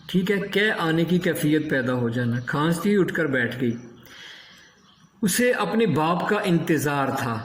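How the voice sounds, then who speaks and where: A man teaching an Urdu lesson, explaining word meanings and correcting pronunciation by repeating words slowly. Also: fairly high pitch, lively intonation, fairly bright tone, roomy sound, slight background noise.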